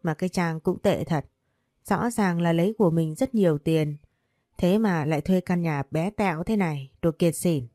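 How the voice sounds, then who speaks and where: A woman's voice: lowish voice, normal speed, dark tone, no echo, soft background music, natural voice. A woman voicing a doting, possessive older man who speaks tenderly but bossily to his young lover in a storybook reading. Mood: scolding tenderly. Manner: tender, teasing, bossy.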